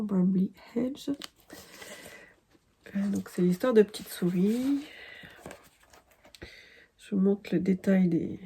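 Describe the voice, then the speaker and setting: A woman's voice: medium pitch, vocal fry, mellow, slight background noise. A woman from France talking casually in a crafting vlog, hesitant with many fillers and restarts. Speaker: crafting vlogger. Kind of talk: casual chat.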